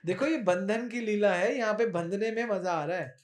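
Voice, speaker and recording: A man's voice: sits high, moderate pace. A man telling a devotional story, chanting verses and explaining them line by line.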